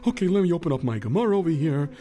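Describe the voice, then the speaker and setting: Man playing an excitable, high-voiced, self-important pious man. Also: very fast. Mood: brusque, impatient. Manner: theatrical, hesitant muttering and exclaiming.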